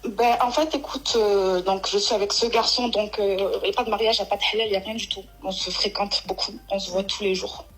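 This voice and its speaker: Husky-voiced woman caller pouring out her story. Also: medium pitch, fairly even intonation, brisk, few pauses, rough recording. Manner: rambling, emotional retelling with many restarts. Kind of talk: phoned-in personal story. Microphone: phone.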